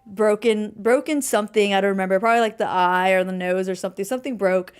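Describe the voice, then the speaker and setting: A young adult woman co-hosting a podcast, telling a story in casual chat with lively delivery and sudden loud exclamations. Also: mid-range voice, quick pace, clean tone. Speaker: podcast co-host.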